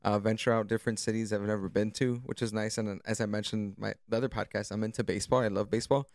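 A man's voice: fairly low pitch, little pitch movement, quick pace, darkish tone, no room sound. A man on a podcast in natural, unscripted casual talk, telling stories with slangy, profane enthusiasm. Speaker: podcast guest or co-host.

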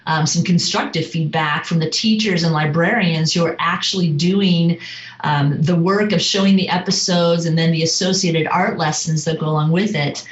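A woman with a somewhat low voice speaks earnestly, often pausing on um and going back over her words. The sound comes through a video call. The audio is dull and carries the echo of the room. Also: fairly even intonation. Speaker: school community member, program co-creator. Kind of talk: casual conversation on a video call.

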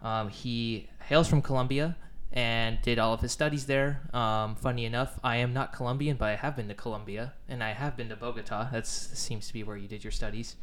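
Podcast host guy, smooth clear voice, reads the intro then asks stuff with lots of ums. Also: mid-range voice, fairly even intonation, brisk, hardly any pauses, fairly bright tone. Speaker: podcast host, student interviewer. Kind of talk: podcast intro and interview questions.

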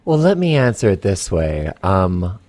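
A man co-hosting a comedy podcast in a studio, tossing out quick deadpan quips in casual chat. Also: low voice, no echo. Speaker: guest co-host.

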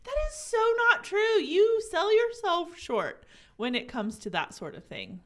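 A woman co-hosting a casual podcast, her pitch rising and falling in an animated way. She teases her co-host playfully and laughs often. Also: unhurried, a little hiss or hum. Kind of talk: casual chat.

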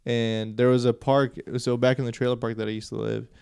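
Young man, podcast co-host, laid-back slang, smooth yet gravelly, dry sound. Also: medium pitch, flat delivery, darkish tone, no room sound. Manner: laid-back, slangy, quick agreeing replies. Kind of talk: casual chat.

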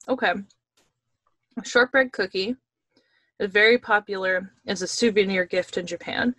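A woman's voice: medium pitch, no room sound. Chatty woman tasting snacks on a call, repeats herself a lot, dry close sound. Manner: chatty, repeats words, laughs often. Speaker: podcast co-host. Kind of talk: casual chat, tasting snacks. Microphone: video call.

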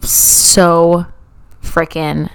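A woman's voice: on the low side, level tone, drawn-out words, vocal fry, smooth, dry recording. A young woman co-hosting a casual food podcast, talking bluntly and swearing freely. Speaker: podcast co-host. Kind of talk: casual food review chat.

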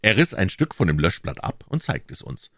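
A man reads a classic detective story aloud in a deep, low voice whose pitch moves lively as he tells it. The recording is close and very dry. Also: moderate pace, no room sound. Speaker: audiobook narrator. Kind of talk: scripted audiobook narration.

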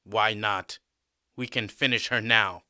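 A man's voice: lowish voice, fairly even intonation, slow, bright, forceful tone, no room sound, clean studio sound, exaggerated voice. A man voicing a stern male spirit warrior. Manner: stern and urgent.

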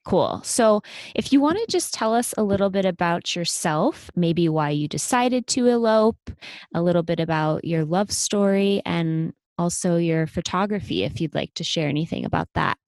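A woman hosts a podcast in a clear, slightly low voice. She speaks with a retainer and braces in her mouth, which subtly affects her words. The sound is dry and close. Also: animated, normal speed, darkish tone, no room sound. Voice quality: slightly impeded speech from wearing a retainer and braces. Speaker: podcast host. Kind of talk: podcast introduction and interview chat.

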